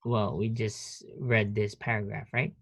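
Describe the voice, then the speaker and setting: Nursing professor on a video call, dry close sound, chatty lecturer who quizzes the class. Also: male voice, fairly low pitch, flat delivery, measured pace, no room sound. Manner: conversational, restarts often, quizzes students.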